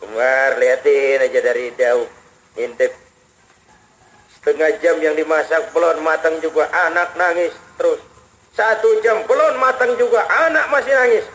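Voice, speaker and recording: A man preaching a storytelling sermon, acting out the people in his story voices that swing from high wails to low murmurs. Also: normal speed, fairly bright tone, rough recording. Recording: faint background noise, old radio recording.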